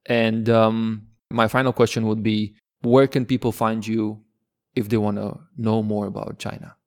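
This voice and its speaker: Low, flat-voiced podcast host man. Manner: halting, many fillers, earnest. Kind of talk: casual interview talk.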